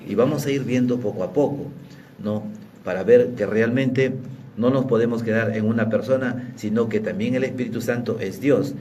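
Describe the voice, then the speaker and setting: A man's voice: medium pitch, normal speed, dark tone, slight background noise. Peruvian man preaching from a distance. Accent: Peruvian Spanish. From Peru. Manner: teaching, frequent tag questions. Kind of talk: sermon.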